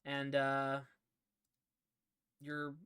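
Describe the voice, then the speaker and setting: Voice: medium pitch, monotone, extremely slow, fairly bright tone, clear, resonant tone, no echo, studio quality. A game master running a tabletop game on stream, talking casually and cursing when the tech breaks. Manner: casual, swears at tech trouble.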